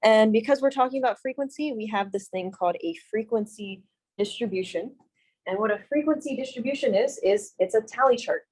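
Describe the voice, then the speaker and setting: A woman's voice: on the high side, fairly quick, darkish tone, poor audio. A young woman lecturing a math class in a classroom, casual and self-deprecating, often asking the students questions. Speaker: math instructor.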